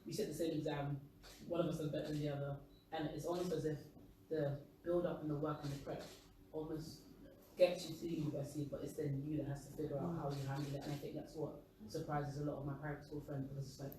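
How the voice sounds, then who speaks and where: A man's voice: fairly high pitch, level tone, fast talker, dark tone. A young man with a London accent speaking casually and discursively in a discussion. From East London, England. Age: young adult. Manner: rambling, discursive. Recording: very echoey room, distant mic, noisy.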